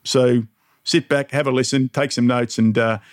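A man's voice: mid-range voice, steady tone, normal speed. A middle-aged man hosting a podcast in a laid-back, chummy way. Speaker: podcast host. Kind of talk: casual podcast chat.

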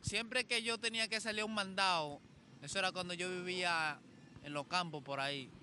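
A man's voice: high voice, fairly quick, bright, forceful tone, slight background noise. A man chatting casually on a podcast, telling personal stories and checking that his listener follows along. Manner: tells personal anecdotes, often asks "you know?". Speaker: podcast co-host. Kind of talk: casual chat. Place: outdoors beside a street, people nearby.

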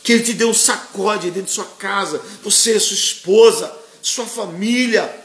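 Fervent high-voiced Brazilian preacher. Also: male voice, a bit bright, reverberant. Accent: Brazilian Portuguese. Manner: fervent, emotional, greets viewers by name. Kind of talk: live-streamed sermon.

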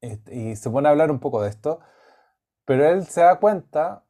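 A man's voice: on the high side, animated, moderate pace, warm tone. A man co-hosting a podcast, talking about a documentary in a reflective way and searching for words as he goes. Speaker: podcast co-host. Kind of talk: casual film discussion.

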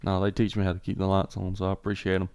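A man's voice: sits low, monotone, very fast, darkish tone, clean tone, no echo. A young man co-hosting a casual podcast, joking and upbeat as he chats with friends and reads a verse aloud. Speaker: podcast co-host.

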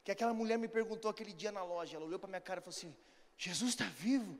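A man preaching a storytelling sermon, animated, swinging from hushed asides to shouted lines. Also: high-pitched, racing, in a large hall.

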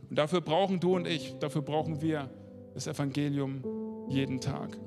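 A man's voice: a little high, little pitch movement, normal speed. A man preaching a sermon and putting direct, challenging questions to his listeners. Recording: long hall reverb, faint music.

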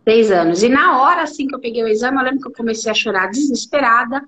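A woman's voice: a little high, lively intonation, fast, sharp tone. A woman in her forties, a clinical nutritionist, telling her story in an interview and acting out the dialogue she quotes. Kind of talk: interview conversation.

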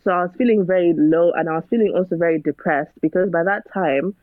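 A lowish-voiced woman talks fast with no room sound, her audio dry and narrow like a phone call. Appearing as a guest in a casual conversation, she is earnest, becomes preachy and fires off rhetorical questions.

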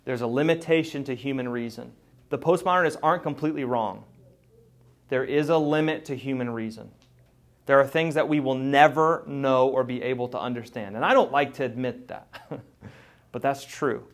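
A pastor preaching a sermon, swinging between raised, urgent lines and quiet, conversational asides. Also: male voice, mid-range voice, moderate pace.

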